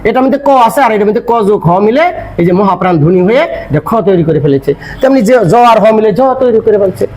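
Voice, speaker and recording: High-pitched male grammar teacher, explains step by step and quizzes himself. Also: animated, fast talker, a little mellow, low-quality recording. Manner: asks and answers his own questions. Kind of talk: explanatory lecture.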